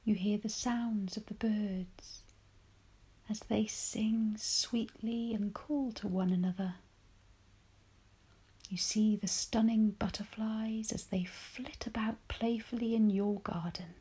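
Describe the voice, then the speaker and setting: A woman leading a guided relaxation meditation in a soft, breathy spa-like whisper, soothing and gentle, with long pauses. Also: mid-range voice, fairly even intonation.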